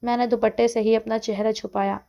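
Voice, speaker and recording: A woman reading a first-person story aloud in a steady, conversational way. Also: fairly high pitch, gravelly. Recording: dull lo-fi recording.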